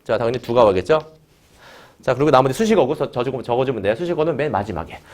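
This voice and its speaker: A man teaching an English grammar lesson in Korean, opening nearly every phrase with "자" and drilling students with quick questions they answer back. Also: mid-range voice, lively intonation, darkish tone. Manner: drills students, has them repeat after him.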